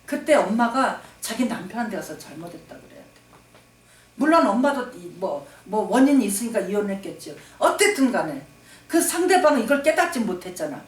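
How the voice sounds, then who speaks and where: A woman's voice: medium pitch, sing-song, fairly quick. A woman pastor preaching emphatically, repeating phrases for stress and calling for amens. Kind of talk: sermon. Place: church sanctuary. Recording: echoey hall, distant mic.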